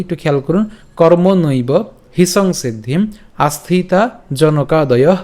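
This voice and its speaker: A man with a Bengali accent teaching scripture recitation step by step, patiently repeating each word slowly and chanting the verses in a tune. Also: fairly high pitch, a little mellow.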